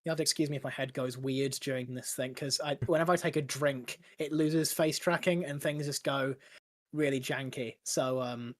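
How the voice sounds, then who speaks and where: A race commentator calling results in excitable bursts, voice a little worn from shouting. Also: mid-range voice, moderate pace. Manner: excitable, rattles off positions. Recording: loud music underneath.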